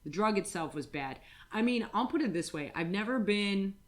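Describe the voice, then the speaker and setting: A woman's voice: mid-range voice, animated, moderate pace. A woman co-hosting a podcast, chatting casually with frank, crude storytelling, many fillers and restarts. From United States. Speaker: podcast co-host. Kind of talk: casual chat.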